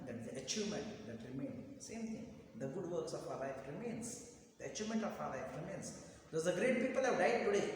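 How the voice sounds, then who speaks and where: Guy explaining a poem to a class, kinda high voice, big echoey room, faint hiss. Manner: explains, repeats lines, checks with huh. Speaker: teacher. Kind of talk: poetry lesson.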